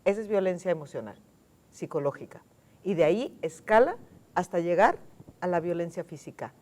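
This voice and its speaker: Woman, Mexican accent, lowish voice, emphatic, repetitive stress, studio panel talk. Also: expressive, darkish tone. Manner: emphatic, repeats key words, slows to stress points. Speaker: panel guest. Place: television studio.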